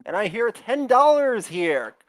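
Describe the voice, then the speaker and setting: A man's voice: extremely high pitch, big pitch swings, a little slow, no room sound, faint music behind. Brief: male esports caster at home, bouncy, swooping delivery, dry close sound. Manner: upbeat, chatty, laughs often. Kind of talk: casual live game commentary. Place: home streaming setup.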